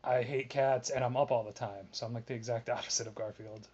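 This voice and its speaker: A man co-hosting a podcast in casual chat, tossing in deadpan, crude wisecracks, recorded in a shop basement. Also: medium pitch, quick pace, slightly rough. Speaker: podcast co-host. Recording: muffled lo-fi podcast audio.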